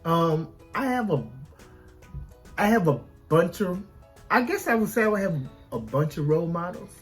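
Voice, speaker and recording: Low-pitched woman chatting folksily. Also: animated, normal speed, faint music behind. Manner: folksy, repeats phrases for emphasis. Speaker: co-host of a couple's mukbang vlog. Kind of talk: casual chat.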